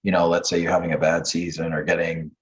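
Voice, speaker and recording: A man in his late thirties chats casually on a podcast. His voice sits fairly low, and he rambles, restarting his sentences. The recording sounds dull and lo-fi. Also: completely flat delivery, fast, a little hiss or hum. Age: late 30s. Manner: rambling, many restarts and fillers. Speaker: podcast guest, former junior hockey player and coach.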